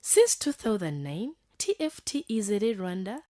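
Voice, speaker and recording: A woman giving scripted documentary narration, reading in a measured, formal way. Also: medium pitch, sing-song, dark tone.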